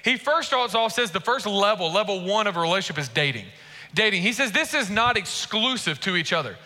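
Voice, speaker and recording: A man's voice: high-pitched, lively intonation, a little fast, sharp tone, long reverb tail. A man preaching a sermon as pastor, earnest and speaking directly to the congregation.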